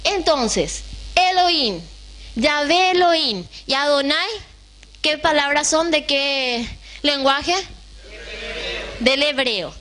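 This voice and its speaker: A woman's voice: sits high, animated, takes it slowly, pauses often, fairly bright tone. A woman teaching a Bible lesson to a class, often putting questions to the room and checking that they follow. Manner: keeps asking the class questions, checks in with "right?".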